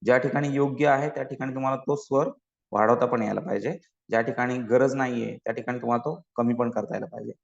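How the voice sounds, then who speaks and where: Gravelly Marathi-accented man teaching. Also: medium pitch, steady tone, fast talker. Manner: explains with a story, asks "ok?" often, mixes in English. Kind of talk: soft skills lesson. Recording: dull sound with long reverb.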